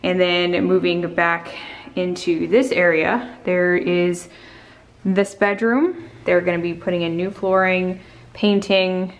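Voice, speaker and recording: A woman's voice: on the low side, flat delivery, slow, muffled recording. Echoey woman giving a casual house tour. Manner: informal, chatty, explaining as she goes. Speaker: home renovation vlogger and designer. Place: indoors in an empty condo, big echo. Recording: echoey empty condo rooms.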